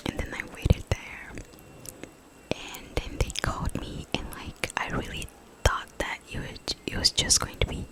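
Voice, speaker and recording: A young woman speaks in a hushed, breathy whisper at a very unhurried pace. She rambles casually in an ASMR style, halting and conversational as she goes. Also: rough recording. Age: young adult. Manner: hushed voice, pure unvoiced whisper. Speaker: ASMR content creator.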